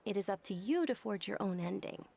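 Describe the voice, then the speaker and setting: An actress playing a gentle, courteous young woman in a game, soft-spoken and wistful. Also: mid-range voice, lively intonation, brisk, gravelly. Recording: game audio with music behind.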